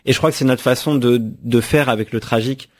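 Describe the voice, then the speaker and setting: A man's voice: medium pitch, steady tone, brisk. A young man from France, an author answering radio interview questions in a thoughtful way, often restarting and repeating words. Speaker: author guest.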